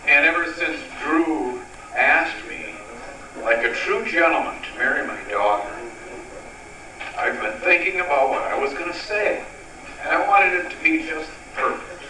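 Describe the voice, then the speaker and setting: A middle-aged man giving a sentimental wedding toast as father of the bride, speaking deliberately with pauses. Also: on the high side, lively intonation. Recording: echoey, noisy room, distant microphone.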